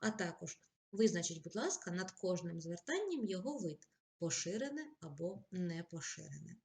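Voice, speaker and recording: A woman teacher with a somewhat low voice walks pupils through grammar rules in a recorded lesson. She speaks directly to them with polite requests, then slows down to read example lines with feeling. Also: big pitch swings, vocal fry, darkish tone.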